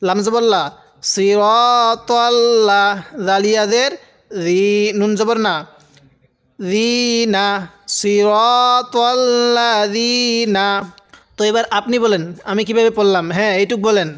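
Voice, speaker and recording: Bangladeshi guy teaching recitation, fairly high voice, smooth and clear, drags syllables out slow then explains quicker. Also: steady tone. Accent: Bangladeshi Bengali. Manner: addresses viewers directly and pauses for them to repeat. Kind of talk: slow spelled-out Quran lesson.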